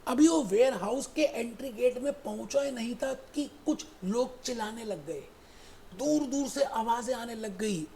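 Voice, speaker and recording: A man teaching an accounting lecture, who explains through animated storytelling, repeats his points and addresses students fondly as "beta". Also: very high-pitched, a little slow, vocal fry, a little hiss or hum. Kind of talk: recorded classroom lecture.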